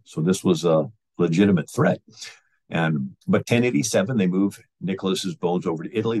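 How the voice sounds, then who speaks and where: A man with a very low, husky voice recounts history in a loose, informal way. He pauses on fillers and restarts his sentences as he tells the story. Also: a little mellow. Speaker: history lecturer.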